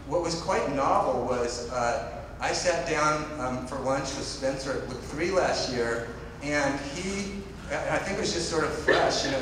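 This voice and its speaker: A man moderating a panel discussion on stage, explaining in long, winding sentences. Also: medium pitch. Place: stage of a large indoor hall with audience. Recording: echoey hall, distant and noisy.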